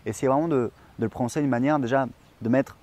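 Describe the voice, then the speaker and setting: A young man whose first language is French teaches English pronunciation in a casual online lesson, his mid-range voice a little mellow. He chats with lots of fillers and says example words slowly to show how they sound.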